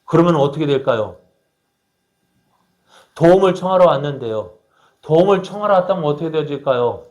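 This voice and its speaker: Questioning preacher with a higher male voice. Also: expressive, fairly quick, darkish tone, lo-fi sound. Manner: storytelling preacher who asks the congregation questions and acts out quoted lines. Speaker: pastor. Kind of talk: sermon. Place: church.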